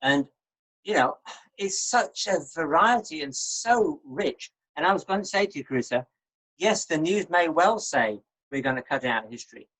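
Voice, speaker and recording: An older man leads a class over a video call. He speaks in a measured, encouraging, teacherly way. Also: on the high side, expressive, a bit bright, rough recording. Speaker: lecturer. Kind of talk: online lecture.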